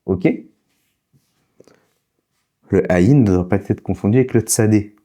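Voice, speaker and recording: Low, mellow-voiced man teaching. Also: measured pace. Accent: foreign accent in French. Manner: patient, repetitive explaining. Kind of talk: casual spoken lesson.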